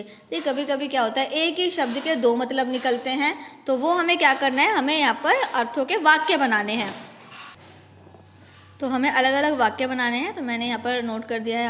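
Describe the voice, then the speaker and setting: A woman's voice: sits high, a bit bright, big-room sound, a little hiss or hum. A woman teacher going patiently through a textbook lesson for young students, step by step, slipping English words into her explanations.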